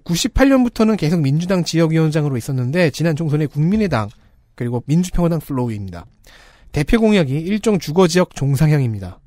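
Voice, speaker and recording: A man with a slightly high and very lively voice delivers the facts deadpan. The sound is dry and close to the mic. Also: fast, no echo. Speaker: co-host presenting candidate profiles. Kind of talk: briefing-style chat.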